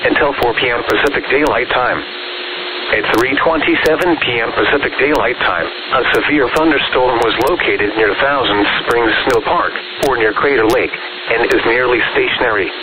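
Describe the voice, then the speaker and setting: A synthetic man's voice reading an automated weather radio bulletin in a measured, formulaic announcer delivery. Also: mid-range voice, a loud crowd, low-quality recording.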